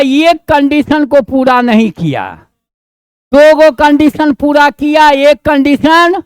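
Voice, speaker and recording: A man's voice: extremely high pitch, no echo. A male grammar teacher with a Bihari Hindi accent, teaching a class in a homely, colloquial way and keeping students engaged with questions and checks. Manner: homely, colloquial scolding and coaxing. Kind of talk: classroom lesson.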